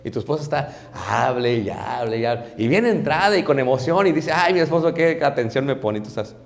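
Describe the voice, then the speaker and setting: A man preaching a sermon, animated, swinging between soft asides and loud emphatic lines, calling his listeners brothers. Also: medium pitch, brisk, vocal fry. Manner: addresses the congregation as brothers; acts out everyday dialogue in quoted voices.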